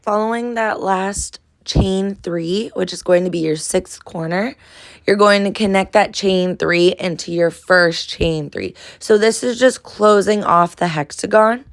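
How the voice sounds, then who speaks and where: A woman's voice: medium pitch, unhurried, no echo. A woman with a nasal, stuffed-up voice from a cold, hosting a friendly step-by-step crochet tutorial. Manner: friendly, instructive, addresses viewers as friends.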